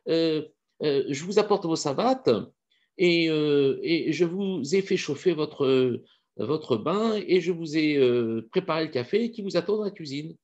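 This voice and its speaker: A man's voice: on the high side, animated, a little slow, a little mellow, highs cut off, pitched above the performer's own voice. A man doing a meek polite servant woman. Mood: servile.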